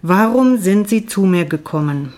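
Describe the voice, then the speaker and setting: A woman reading a calm, probing male psychologist. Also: medium pitch, moderate pace, natural voice. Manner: calm, questioning, matter-of-fact.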